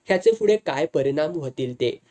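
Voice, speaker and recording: Give me a sharp-tongued wife who scolds and insists, with a warm, soft tone, as a storyteller puts her on. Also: medium pitch, expressive, normal speed, lightly acted. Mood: insistent. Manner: scolding, insistent, rustic speech. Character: sharp-tongued village wife, worried for family.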